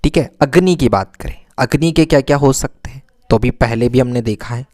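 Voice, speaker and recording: A male teacher talks children through a vocabulary lesson in a middle-pitched voice, repeating every word and answering his own questions. The sound is dry and close, with no room echo. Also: darkish tone. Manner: repeats words slowly, asks and answers himself.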